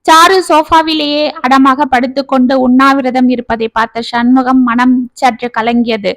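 A woman storyteller narrating a family story in a steady, matter-of-fact way. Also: high-pitched, normal speed, dry recording.

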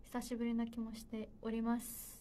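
A woman's voice: a little high, completely flat delivery, moderate pace, warm tone, slight background noise. A young woman hosting a casual livestream, chatty and a little nervous, giggling as she reads viewer comments. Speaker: idol livestream host.

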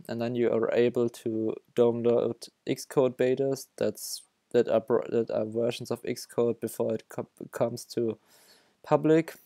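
This developer tutorial host is a young man from Germany whose medium-pitched voice is gravelly and dark, captured in a dry, clean studio recording. Speaking with a German accent over his screen, he keeps breaking off, restarting sentences and correcting himself.

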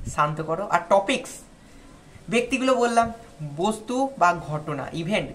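A woman's voice: medium pitch, slight background noise. A woman from India talking straight to students, giving patient, step-by-step advice on speaking in front of others. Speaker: tutor giving exam advice. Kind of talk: instructional talk to viewers.

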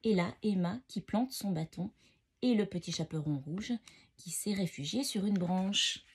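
A woman's voice: medium pitch, a little slow, slightly rough. A woman reading a bedtime story to children, talking to them directly and expressively.

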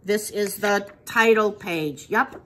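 Slow, bright-voiced woman teacher reading to kids. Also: mid-range voice. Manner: patient, asks children questions and praises answers. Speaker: preschool teacher. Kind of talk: reading a picture book aloud to young children.

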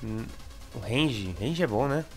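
A young Brazilian man with a Brazilian Portuguese accent commenting on his gameplay casually, excitable and repeating words, with sudden shouts. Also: medium pitch, slow pace, faint music behind. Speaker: gameplay streamer.

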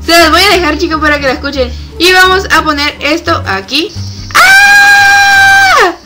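A young woman giving let's-play commentary on a game, excitable, shrieking and laughing when chased. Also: sits high, fairly quick, over loud music. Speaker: gamer.

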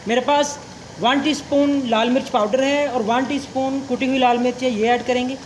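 A man's voice: very high-pitched, steady tone, normal speed, a little hiss or hum. A young man hosting a cooking channel, explaining a recipe step by step in a polite, formal way with religious greetings.

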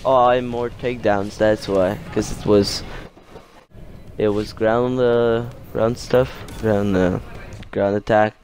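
A man commentating his own fighting-game playthrough in a casual let's-play style, getting excitable and yelling at the game during fights. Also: lowish voice, slow pace, slight background noise. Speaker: gaming commentator.

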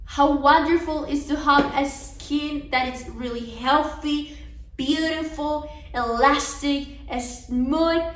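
Speaking slowly in a high-pitched, steady, somewhat bright voice, a young woman from Colombia offers an earnest, encouraging devotional talk to a women's conference, restarting now and then. She is the conference speaker, seated on a living-room sofa. A camera across the room records her, so the audio is distant and roomy.

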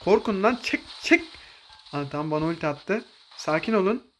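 Excitable young man commentating gameplay. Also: high-pitched, moderate pace, slight background noise. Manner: excitable, jokey, bursts of English exclamations; calls out orders to teammates. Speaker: mobile game streamer.

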